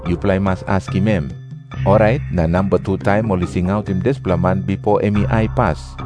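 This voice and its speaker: A man's voice: sits low, fairly even intonation, moderate pace. A man with a Papua New Guinean accent narrating scripture from a script. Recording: prominent music behind the voice.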